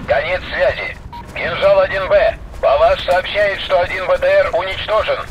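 High-voiced male commander, played by an actor, stern and clipped, formal radio orders, war game, heavy battle noise behind. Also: natural voice. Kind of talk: scripted military radio dialogue. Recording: battle noise of gunfire and vehicles. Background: loud gunfire, artillery, vehicles.

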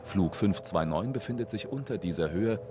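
A man giving serious, measured scripted narration for a documentary. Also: lowish voice, animated. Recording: voice-over with music behind.

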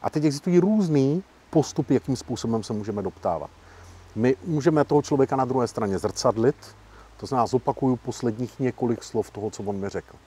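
A man with a husky, slightly rough voice at an ordinary middle pitch explains negotiation techniques as an interview guest. He talks emphatically and keeps things lively, often breaking into short acted-out example lines. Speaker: professional negotiator, guest speaker.

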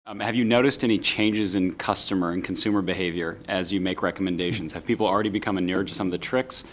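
Give me a fast-talking male moderator questioning a panel. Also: deep voice, fairly even intonation, a bit bright, slight background noise. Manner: asking several questions in a row. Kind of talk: posing questions. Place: lecture hall.

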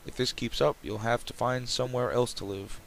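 A man's voice: medium pitch, fairly even intonation, a little fast, natural voice. A man voicing a stern, scolding elderly landlady in a visual novel game, with a nagging manner. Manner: nagging, reproachful. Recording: clear background noise, game ambience.

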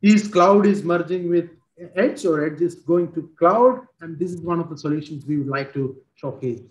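This Indian-accented man in his forties demos a technical product on a video call using a headset, pausing often with fillers and false starts. His pitch is on the high side, and the audio is dull and roomy.

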